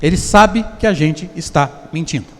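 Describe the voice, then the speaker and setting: A man's voice: a little high, moderate pace, a bit bright. A man with a Brazilian Portuguese accent giving a conversational seminar lecture, often putting questions to the audience. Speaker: spiritist lecturer. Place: lecture hall. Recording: long hall reverb.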